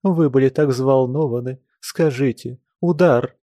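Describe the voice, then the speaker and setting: A man's voice: medium pitch, unhurried, mellow, dry recording, clean studio sound, close to an everyday voice. A man reading an audiobook, voicing a prying, coquettish society lady who coaxes and insists, eager for gossip. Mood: coaxing, prying.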